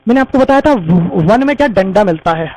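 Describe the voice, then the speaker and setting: High-voiced man teaching memory tricks. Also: animated, fairly quick, darkish tone, poor audio. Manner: repetitive, addresses viewers as friends. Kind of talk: exam-prep lesson with memory tricks.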